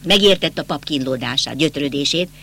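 A man narrating a novel as an audiobook, telling it in a measured storytelling manner. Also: a little high, sharp tone. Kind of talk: scripted narration.

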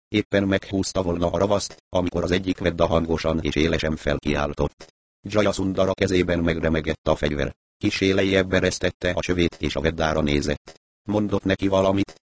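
A man reads a novel aloud in a calm, even storytelling manner. His voice sits very low. The recording is dry and close, with almost no room sound. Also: dry recording. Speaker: audiobook narrator. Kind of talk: scripted first-person narration.

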